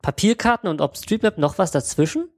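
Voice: medium pitch, expressive, fast talker, darkish tone. An interviewer in a casual talk, asking long questions that restart along the way.

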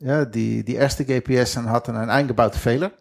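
Gravelly man with a Dutch accent. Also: medium pitch, steady tone, a little fast. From western Netherlands. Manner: speaks German with Dutch grammar slips, plain and matter-of-fact. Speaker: guest, lifelong sailor. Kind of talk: casual interview.

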